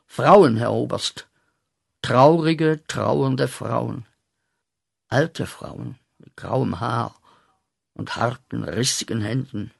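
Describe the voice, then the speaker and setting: A man acting a guilt-ridden corporal back from the war, in a radio play, speaking with slow, intense, declaiming rhythm. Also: medium pitch, gravelly, breathy edge, no room sound, studio quality, heavily acted.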